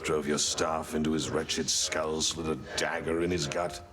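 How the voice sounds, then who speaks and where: An actor playing a gruff warrior in a video game, speaking in a blunt, salty, casual way. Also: male voice, extremely low pitch, little pitch movement, unhurried. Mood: gruff, wry. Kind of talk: video game character acting.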